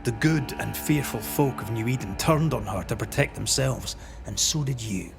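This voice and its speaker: A man as a grave, mid-pitched righteous ghost hunter. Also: gravelly, music in the background, lightly acted. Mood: grave, confronting. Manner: measured, grave, confronting. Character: solemn, righteous ghost hunter passing judgement. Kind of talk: dramatic video game acting.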